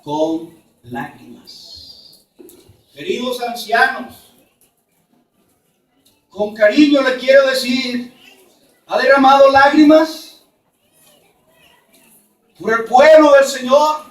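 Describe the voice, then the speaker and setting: A man from Mexico preaching a sermon at a church conference, emphatic, then dropping to soft low asides. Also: extremely slow, long pauses. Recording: roomy echo, from far off.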